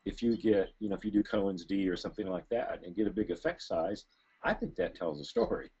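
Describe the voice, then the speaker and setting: A man speaking as a thesis committee reviewer in an academic discussion, halting and often restarting his sentences. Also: low voice, expressive, darkish tone, breathy edge. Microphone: remote call. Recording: dull, muffled lo-fi call audio.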